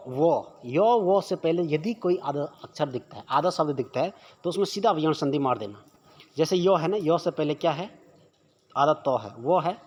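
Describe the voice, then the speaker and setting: A man teaching exam prep questions, who keeps asking rhetorical questions and answering them himself. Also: fairly high pitch.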